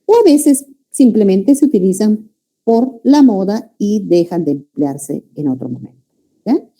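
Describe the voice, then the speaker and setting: A woman giving a pre-university language lecture, often checking in with her students with a quick "ya?" or "no?". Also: mid-range voice, lively intonation, mellow. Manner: calls students "jóvenes", checks understanding with frequent "¿ya?" and "¿no?". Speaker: language teacher.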